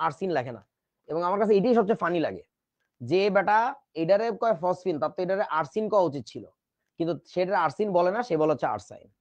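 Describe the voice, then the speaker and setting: A man's voice: high-pitched, no room sound. A man teaching chemistry in a lecture, joking around and spelling out words letter by letter. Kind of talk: classroom lecture. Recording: dull, dry recording.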